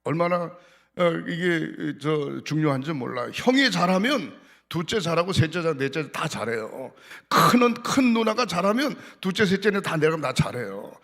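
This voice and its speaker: A man's voice: a little high, normal speed. An older man, a pastor, preaching a sermon in a church, telling stories in a blunt, folksy, colloquial way. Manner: colloquial and lively. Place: church sanctuary.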